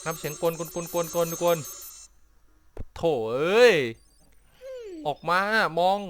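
A man's voice: fairly high pitch, steady tone, slow pace, noisy background. A man giving casual commentary while playing a puzzle game, often puzzled and exclaiming at what happens on screen. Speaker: gameplay streamer.

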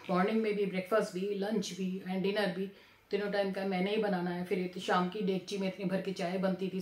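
A woman's voice: mid-range voice, darkish tone. A middle-aged woman vlogger telling a family story to camera in a chatty way, repeating her phrases and acting out her relatives' lines. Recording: echoey room.

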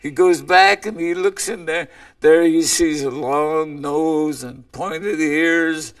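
A man telling an animal folk tale aloud in a slow, rambling way, often repeating words. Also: a little high, vocal fry, recorded from a distance. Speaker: storyteller.

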